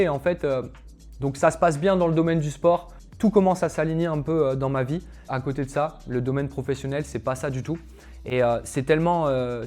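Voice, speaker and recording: A young man with a fairly high, darkish voice talks to camera about his own journey as a calisthenics coach. He keeps it chatty and informal, packed with fillers and asides directed at the people watching.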